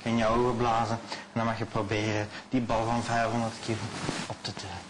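A man working as a stage hypnotist, repeating slow, soothing suggestions and often dropping his voice to a hush. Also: lowish voice, little pitch movement, background noise. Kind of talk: hypnosis show patter.

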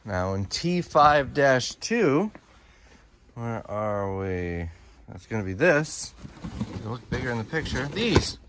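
Speaking slowly yet very animated, a man in his thirties with a medium-pitched voice chats over a noisy background. He's a reseller vlogger rambling and thinking aloud, phone held at arm's length, inside a large warehouse and storage room.

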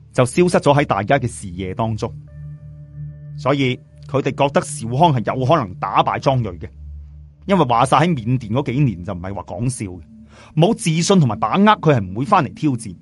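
A man with a southern Chinese, Cantonese accent narrates an audiobook story in an animated, scripted performance, with music underneath. His mid-range, slightly rough voice moves briskly, with swooping intonation and a colloquial, expressive traditional storytelling delivery.

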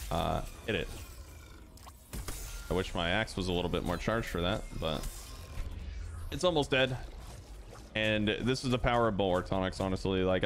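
A man with a fairly low voice talks through his gameplay in a relaxed, explanatory way, dropping in plenty of "uh"s and "like"s. A faint hiss of background noise sits under the recording. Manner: relaxed, explanatory, frequent fillers. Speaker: gaming channel host. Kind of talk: casual gameplay commentary.

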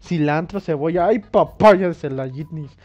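A man's voice: on the high side, unhurried, darkish tone. A young Mexican man playing a video game, reading its dialogue aloud and cracking crude jokes with lots of swearing. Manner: crude, joking, swears a lot. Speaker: gaming YouTuber. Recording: dull lo-fi mic with faint game music.

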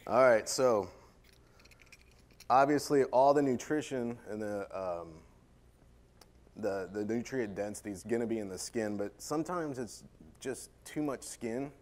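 Joking chef doing a live cooking demo. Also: male voice, medium pitch, a little slow, long pauses, darkish tone. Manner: joking, chatty, self-deprecating, playful with the audience. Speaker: chef giving a cooking demonstration. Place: conference stage before an audience.

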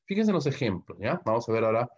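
A man's voice: mid-range voice, big pitch swings, fast talker, breathy edge. A man from Peru with a Peruvian Spanish accent, teaching English grammar in a recorded online lecture and stopping often to ask "¿ok?". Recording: muffled lo-fi audio.

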